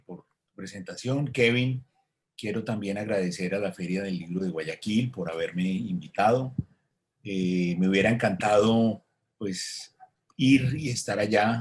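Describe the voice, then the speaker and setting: Reflective, low-voiced man. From Colombia. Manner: reflective, many hesitations and restarts. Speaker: author, interviewee. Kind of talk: thoughtful conversational answer.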